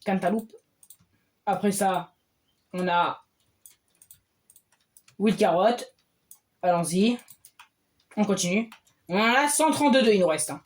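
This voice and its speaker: A man giving casual gameplay commentary as a streamer, excitable and often bursting into loud cheers. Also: high-pitched, slow, long pauses. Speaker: game streamer.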